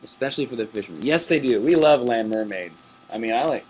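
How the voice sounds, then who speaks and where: A middle-aged man hosts a casual backstage webcast, reading viewer questions in an easygoing, chatty way and laughing between them. He talks fast with lively intonation, a medium-pitched voice and a breathy edge.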